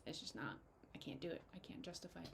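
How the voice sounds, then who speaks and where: A young woman chatting to her viewers in a casual personal update, heartfelt and grateful, halting with many ums and getting emotional. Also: deep voice, lively intonation, creaky, a little hiss or hum. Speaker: fantasy photographer and content creator.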